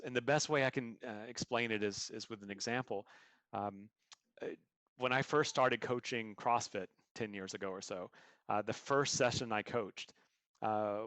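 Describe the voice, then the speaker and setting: A guest coach answers podcast interview questions, earnestly explaining his ideas through stories and examples. His voice is on the low side and a bit bright, with no echo.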